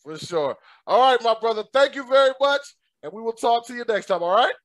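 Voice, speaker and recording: A man's voice: extremely high pitch, expressive, fairly quick, fairly bright tone, dry recording. A male podcast host chatting with a guest in a hyped, upbeat, slangy way, laughing often. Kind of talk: casual interview chat.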